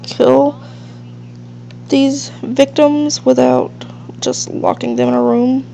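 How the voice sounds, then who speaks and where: A woman gives slow, rambling, casual commentary while hosting a let's play, her high voice creaky and mellow with fairly even intonation. She sounds sniffly and stuffed-up, nasal from allergies. The recording, made on a dull lo-fi mic, carries faint hiss and hum.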